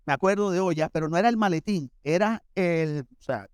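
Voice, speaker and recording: A middle-aged pastor with a Barranquilla coastal Colombian accent delivers a sermon in a high, bright-pitched voice. He tells stories conversationally and speaks directly to the congregation with humorous asides. The sound is close and dry, with no room echo. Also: a little fast, clear, resonant tone. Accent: Colombian Caribbean coast (Barranquilla).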